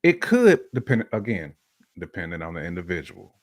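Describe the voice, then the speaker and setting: Very animated and speaking at normal speed, a talk show co-host with a low voice gives his opinions casually, leaning on colloquial phrasing and repetition to hammer his point. The audio is close and dry with no echo.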